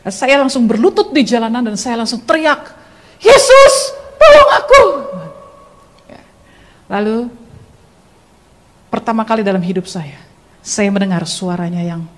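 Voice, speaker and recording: A young woman giving a dramatic church testimony, telling her story with lively storytelling and speaking straight to her listeners. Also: medium pitch. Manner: animated storytelling, addresses listeners directly, acts out scenes.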